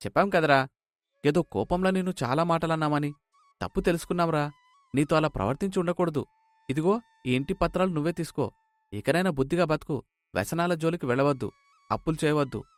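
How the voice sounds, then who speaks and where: A man voicing a remorseful village friend in an animated storybook, speaking in an earnest, apologetic way. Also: a little high, fairly quick, long pauses, no room sound, faint music behind, lightly acted. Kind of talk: storybook voice acting.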